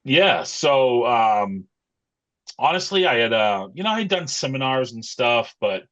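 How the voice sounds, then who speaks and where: A middle-aged man talking casually as an interview guest, in a halting, thoughtful, conversational way. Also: mid-range voice, big pitch swings, fairly bright tone. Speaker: interview guest, pro wrestler and wrestling coach.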